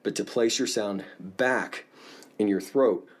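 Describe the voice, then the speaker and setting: A man teaching a casual singing lesson, explaining in a relaxed way and often checking in with the viewer. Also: lowish voice, slow pace.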